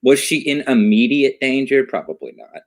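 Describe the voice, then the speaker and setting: A man's voice: medium pitch, lively intonation, normal speed. A young man in casual comedic podcast chat with dry, self-deprecating humor. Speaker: podcast co-host.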